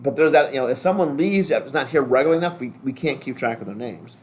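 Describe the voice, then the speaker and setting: Fast-talking older man teaching a class. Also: medium pitch, a little hiss or hum. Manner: chatty, rambling, restarts often. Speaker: lay ministry teacher. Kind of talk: casual class talk.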